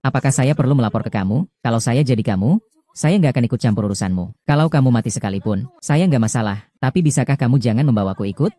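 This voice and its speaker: A proud young company boss snaps out short, commanding lines in a dubbed drama, as a man voices him. His tone is dark and mellow, pitched in an ordinary male range. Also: expressive, fast, dry recording, close to an everyday voice. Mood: cold.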